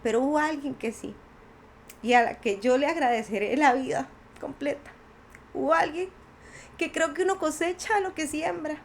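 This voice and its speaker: High-voiced woman telling her story. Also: normal speed. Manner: vivid retelling, acts out quoted voices. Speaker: podcast guest, doctor. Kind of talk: emotional personal storytelling.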